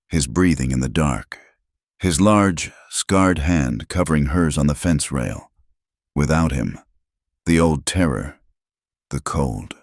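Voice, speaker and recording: Very deep male audiobook narrator. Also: creaky, darkish tone, dry recording, studio quality. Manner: measured, dramatic.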